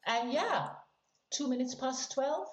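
A middle-aged woman chats as a podcast guest, animated and quick to laugh. Her pitch swings widely as she tells a story. The recording is roomy and a little muffled. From Netherlands. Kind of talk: casual storytelling chat. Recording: roomy, slightly dull sound.

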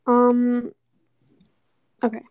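A young woman co-hosting a podcast in casual chat, relaxed and agreeable. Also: on the high side, very slow, smooth, no echo, lo-fi sound. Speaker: podcast co-host.

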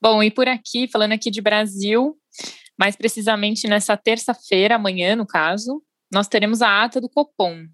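A woman with a mid-range voice, presenting financial news from a dry, close-miked setup. Her delivery is brisk, with scripted transitions into each topic. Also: mid-range voice, a bit bright, dry recording. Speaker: news anchor.

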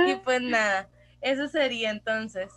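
A young Costa Rican woman chatting on a podcast with a fairly high voice. She tells long, lively stories full of slang and switches into English phrases mid-sentence. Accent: Costa Rican Spanish. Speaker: podcast co-host. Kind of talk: casual chat.

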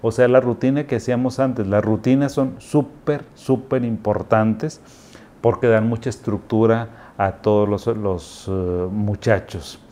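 A man's voice: on the low side, fairly even intonation, unhurried, dark tone. A male psychiatrist giving casual, folksy advice to parents in a conversational way. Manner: folksy, conversational, frequent "o sea" fillers.

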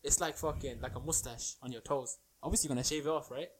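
A man's voice: mid-range voice, fast. A young man with a London roadman accent bantering casually as a podcast co-host, full of slang and swearing. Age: young adult. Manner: swears freely.

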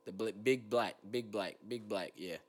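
A man's voice: fairly low pitch, normal speed. A man chatting casually as a podcast guest, boasting and then mocking himself, with profane slang. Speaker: podcast guest, friend of host. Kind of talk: casual chat.

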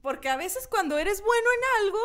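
A young woman with a Mexican accent co-hosting a casual chat, lively and joking. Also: very high voice, brisk. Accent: Mexican Spanish. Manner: lively, joking, bursts into loud acted outbursts. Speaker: podcast co-host.

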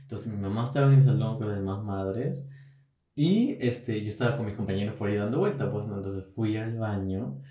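A man's voice: on the low side, a little fast, dark tone, recorded from a distance. A young man with a Peruvian accent, candidly telling a personal story on a casual podcast and laughing often. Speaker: podcast co-host. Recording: roomy echo, voice a bit off-mic.

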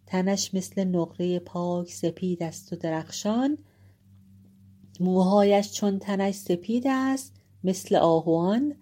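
A woman voicing a wise old nursemaid who speaks with calm authority and formal, courtly address in a told story. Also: lowish voice, close to an everyday voice. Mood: ceremonious.

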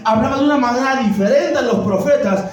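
A pastor preaches in a strikingly high voice, firing questions at the congregation and rising to shouts. His sermon rings through a very echoey church hall. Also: quick pace, recorded from a distance, highs cut off. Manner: preaches with call-and-response questions, often shouting. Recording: heavy echo of a church hall.

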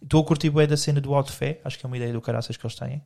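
Fast-talking gravelly Portuguese guy. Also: medium pitch, steady tone, dark tone. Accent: European Portuguese. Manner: rambling, joking, laid-back slang. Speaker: podcast co-host. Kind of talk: casual chat.

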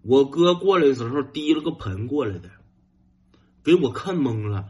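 Give me a man with a Northeastern Mandarin accent telling a comic story, animated and self-mocking, with a mid-pitched voice. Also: normal speed, muffled recording. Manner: animated, self-mocking, jumps into high, whiny shouts. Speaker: stand-up comedian. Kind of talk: stand-up storytelling.

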